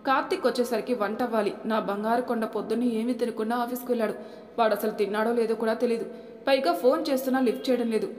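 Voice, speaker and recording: A woman voicing a bossy, thrifty middle-aged mother-in-law in a brisk, commanding way. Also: on the high side, steady tone, darkish tone, close to an everyday voice. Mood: doting. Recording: echoey room with long reverb.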